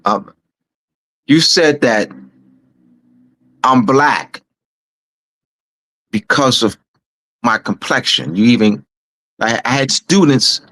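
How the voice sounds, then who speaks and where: A man with a Camden, New Jersey accent, telling a story slowly and reflectively, often repeating words as he thinks aloud. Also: mid-range voice, fairly bright tone, low-quality recording.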